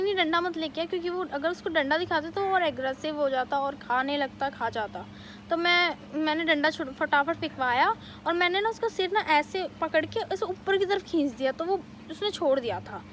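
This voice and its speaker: A young woman vlogger telling a family story in a casual, animated way, with many fillers. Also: very high voice, slight background noise. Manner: animated retelling, quick bursts, many fillers.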